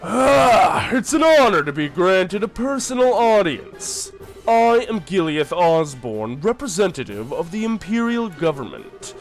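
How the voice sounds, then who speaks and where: A man doing a stern, deliberate imperial chancellor. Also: high-pitched, very animated, faint music behind, full character voice, poor audio. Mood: smooth formal. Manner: measured, formal, unhurried. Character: stern imperial male chancellor, middle-aged, calculating.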